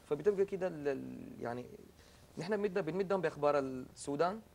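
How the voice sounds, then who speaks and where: This is a male guest with a Sudanese Arabic accent and a gravelly, creaky voice. He tells an anecdote at high speed and stops mid-phrase to find his words. A light noise runs underneath. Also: fast talker, darkish tone. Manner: tells a personal story, searching for words. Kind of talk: anecdotal conversation.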